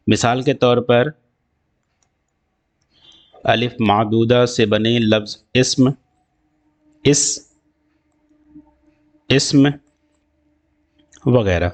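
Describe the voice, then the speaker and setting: A man teaching an Urdu grammar lesson, explaining slowly and repeating himself with restarts, with an Indian Urdu accent. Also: mid-range voice, steady tone. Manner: slow, repetitive explaining with restarts.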